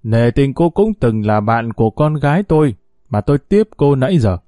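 A man's voice: medium pitch, very animated, normal speed, mellow, no room sound, clean studio sound, soft background music, close to an everyday voice. A man voicing a stern older mother who scolds bluntly and coldly in an audiobook story. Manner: curt, scolding. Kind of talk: audiobook character voice.

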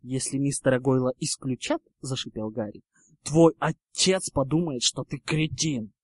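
A man's voice: sits high, very animated, moderate pace, no echo, studio quality, pitched above the performer's own voice. A man voicing a clever, scheming schoolboy hero who speaks urgently. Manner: urgent, hissing.

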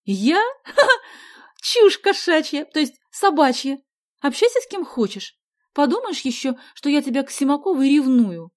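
A quick-tempered schoolgirl, as a woman reading puts her on in an audiobook, scolding in a shrill, high, loud voice. Her pitch jumps about constantly as she exclaims. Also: sing-song. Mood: indignant.

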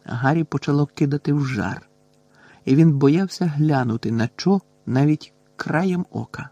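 Male narrator, husky voice, dry close sound, steady storytelling. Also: a little high, a little slow, dry recording. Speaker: audiobook narrator. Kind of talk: audiobook narration.

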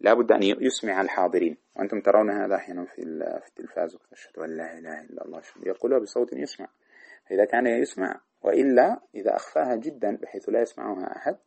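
Low gravelly man teaching a fiqh text. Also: racing, darkish tone. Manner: reads text aloud, then explains it in plain talk. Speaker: teacher of Maliki jurisprudence. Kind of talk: reading and explaining a fiqh text. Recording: dull lo-fi recording.

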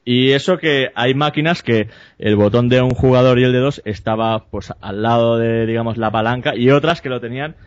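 Un hombre con acento de España que cuenta una anécdota en tono de charla informal, divagando, corrigiéndose a sí mismo y soltando tacos. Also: male voice, medium pitch, moderate pace. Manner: rambling, self-correcting, jokey and crude. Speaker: podcast host telling an anecdote. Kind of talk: casual storytelling chat. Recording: dull, dry lo-fi podcast audio.

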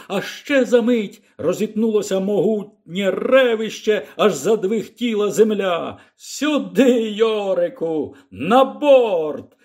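A man narrating an audiobook in a measured, expressive reading. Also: high voice. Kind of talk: scripted narration.

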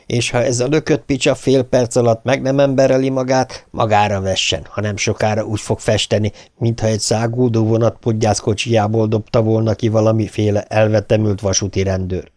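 A man's voice: fairly low pitch, little pitch movement, hardly any pauses, a little mellow, dry recording, studio quality. A man narrating an audiobook in a dramatic way, voicing the characters. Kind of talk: scripted narration.

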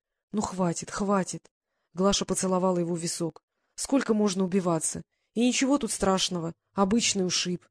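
An audiobook reader voicing a gentle young woman who speaks in a soothing, hurried way, in a dry, close recording. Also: medium pitch, no echo, natural voice.

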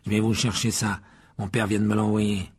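A man voicing a sneering, arrogant pure-blood boy wizard, scornful and gloating in a raspy voice. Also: on the low side, level tone, moderate pace.

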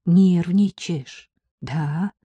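A frank, excitable schoolgirl in a storybook, put on by a woman narrating an audiobook. She talks bluntly and perks up at any hint of adventure. The voice is warm and a little husky, recorded close and dry. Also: medium pitch, unhurried, dry recording, voice pushed up, exaggerated voice.

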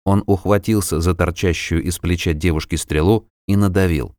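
A man narrating a fantasy novel as an audiobook in a measured, even storytelling manner. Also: low-pitched, dry recording, clean studio sound.

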